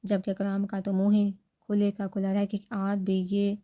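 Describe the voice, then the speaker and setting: A woman with a Pakistani accent reading a romance novel aloud as narrator, at a steady storytelling pace. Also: medium pitch.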